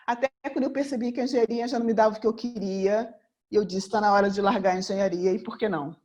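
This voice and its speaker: A woman's voice: medium pitch, fairly even intonation, fast, a little mellow. A Brazilian woman from Rio in her fifties, a mentor and therapist, giving an earnest motivational seminar talk and returning again and again to one rhetorical question. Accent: Brazilian Portuguese. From Rio de Janeiro, Brazil. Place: room before a live audience.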